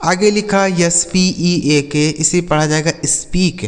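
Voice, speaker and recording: A man teaches English vocabulary to children in Hindi, spelling each word out and repeating every example twice. He speaks very slowly, in a voice a little higher than most men's. A long reverb trails behind every phrase. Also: fairly even intonation. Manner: addresses viewers as children. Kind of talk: slow spelling-and-translation lesson for children.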